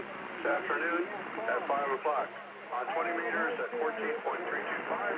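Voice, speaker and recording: A man running a ham radio net as its controller, talking conversationally and a little haltingly with stock phrases. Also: mid-range voice. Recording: dull radio audio with loud static.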